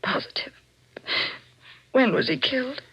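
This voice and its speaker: An actress plays a proud, frightened married woman in an old-time radio thriller, using refined, theatrical diction and sounding shaken and pleading. Her slightly high voice is animated and fairly bright with a breathy edge, at a moderate pace. The old radio drama recording is muffled and noisy.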